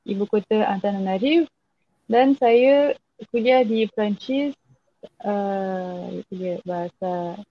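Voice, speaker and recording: A woman, speaking Malay as an in an interview, haltingly searching for words. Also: mid-range voice. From Madagascar. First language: not a native Malay speaker. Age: 20s. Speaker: guest. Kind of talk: interview conversation. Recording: slightly dull online video call.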